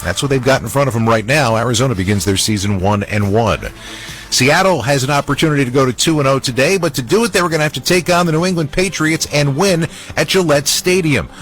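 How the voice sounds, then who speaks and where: A man hosting a sports radio highlight show, narrating recaps emphatically. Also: fast talker, fairly bright tone. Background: music bed.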